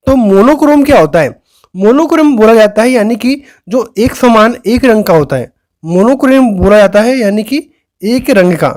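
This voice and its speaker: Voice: mid-range voice, a little mellow. A teacher explaining an exam vocabulary lesson, asking rhetorical questions and repeating each key answer. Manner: reads English phrases slowly and deliberately.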